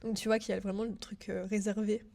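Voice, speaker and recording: A young woman chats through her student web project in a casual, filler-heavy way. She sounds a little nervous as she talks straight to the viewer. Her pitch stays fairly level and even throughout. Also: fast talker, gravelly. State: a bit nervous. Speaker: digital school student. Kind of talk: casual screen-share walkthrough.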